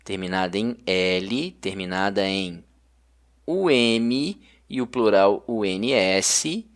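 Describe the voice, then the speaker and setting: A man delivers a grammar lecture in a fairly low voice. He is friendly and keeps checking in with his students through quick tag questions. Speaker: grammar teacher. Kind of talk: video lecture.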